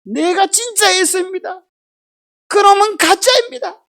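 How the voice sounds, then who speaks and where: A woman voicing a desperate elder son who begs his father in high, pleading cries. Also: unhurried, fairly bright tone, full character voice.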